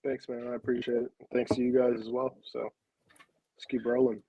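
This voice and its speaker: Mellow, husky male co-host, dry and teasing, keeps it brief. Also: mid-range voice, little pitch movement, moderate pace, no echo, lo-fi sound. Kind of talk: casual sports betting chat.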